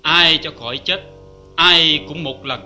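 An actor with a Southern Vietnamese accent playing a weary, poetic wandering man in a radio drama, speaking softly and reflectively. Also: a little high, unhurried. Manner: soft-spoken, reflective and poetic. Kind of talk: vintage radio drama acting. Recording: faint music behind.

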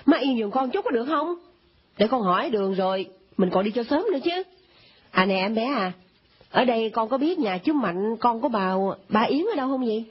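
An actress playing a weary grown daughter who pleads with her mother, with a breathy, raspy voice. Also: a little high, lively intonation, brisk. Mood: pleading. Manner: pleading, placating. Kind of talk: comedy skit acting. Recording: dull lo-fi recording.

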